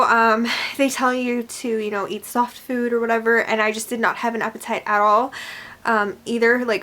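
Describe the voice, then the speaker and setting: A young woman vlogger, her voice slightly bright and higher-pitched, tells a personal story in a loose, conversational way. She rambles and keeps trailing off with "or whatever."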